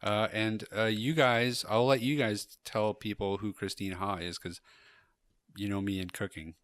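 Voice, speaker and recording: A man's voice: lowish voice, steady tone, unhurried, fairly bright tone, no echo, studio quality. A man hosting a podcast in casual chat, curious and full of questions for his co-hosts. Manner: chatty, curious, asks lots of questions. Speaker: podcast host.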